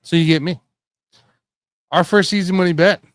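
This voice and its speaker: A man hosting a casual sports betting show, rambling and correcting himself as he tells excitable stories. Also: high voice, moderate pace, no echo, clean studio sound. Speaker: podcast host.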